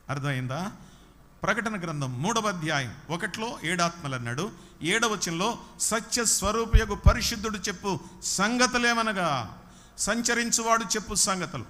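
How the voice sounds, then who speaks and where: A man's voice: high-pitched, pushed and bright. A man preaching a sermon, repeating lines for emphasis and often asking if the listeners understood. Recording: long hall reverb.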